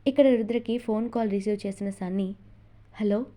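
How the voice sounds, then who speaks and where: A woman reads a novel aloud in a steady, expressive storytelling voice. Her pitch sits somewhat high, yet the tone is mellow and warm. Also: moderate pace. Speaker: audiobook narrator. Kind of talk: scripted novel narration.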